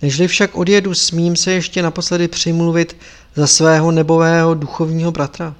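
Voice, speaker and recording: A man's voice: a little high, level tone, lightly acted. A man reading the part of a respectful abbot who speaks humbly and pleads. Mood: humble. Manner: deferential, pleading.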